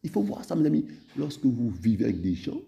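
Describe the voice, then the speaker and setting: A man preaching a sermon, repeatedly addressing his listeners and shifting between full-voiced phrases and hushed, whispered ones. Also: medium pitch, very animated, fairly quick, gravelly.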